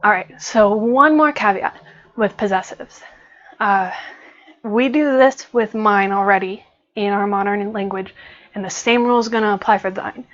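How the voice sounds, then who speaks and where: A woman's voice: mid-range voice, moderate pace, lo-fi sound. An American woman teaching an online grammar lesson in a casual, chatty way, with frequent fillers as she explains. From United States.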